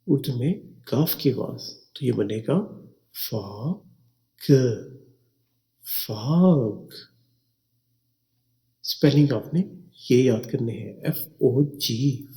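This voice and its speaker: A man teaching English words slowly, spelling each one letter by letter and repeating it. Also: medium pitch, mellow. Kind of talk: slow spelling and pronunciation lesson.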